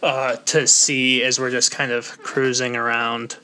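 A young man chatting casually on a podcast, rambling loosely and filling pauses with "like". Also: mid-range voice, a little hiss or hum. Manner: relaxed, rambling with many "like" fillers. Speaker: podcast host.

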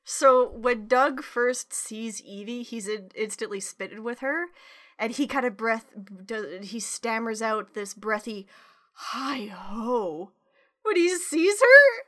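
A woman's voice: on the high side, a little slow, fairly bright tone. A woman co-hosting a podcast in casual chat, rambling with many restarts and swearing freely. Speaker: podcast co-host.

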